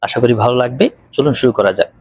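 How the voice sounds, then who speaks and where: Husky man with a Chittagonian accent. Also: mid-range voice, darkish tone, no echo, studio quality. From Chittagong, Bangladesh. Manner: slow, careful example phrases with fillers. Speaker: language teacher. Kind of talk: casual video lesson.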